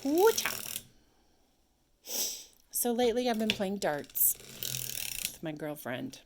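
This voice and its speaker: A woman's voice: medium pitch, big pitch swings, takes it slowly, noisy background. A married woman vlogging at home while she cranks a sock machine. She talks on and on to herself, now and then tossing in silly sound effects. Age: adult, married. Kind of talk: casual chat while working a sock machine. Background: clicking sock machine mechanism.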